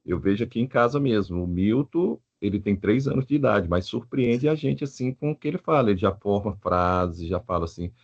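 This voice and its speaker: A man's voice: on the low side, animated, fairly quick, hardly any pauses, dull audio. A Brazilian man taking part in a training session, answering hesitantly as he thinks aloud. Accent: Brazilian Portuguese. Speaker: workshop participant. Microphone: video call.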